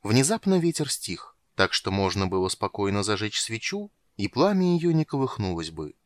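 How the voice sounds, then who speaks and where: Expressive low-voiced male narrator. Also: moderate pace, dry recording. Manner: expressive storytelling. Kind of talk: scripted narration.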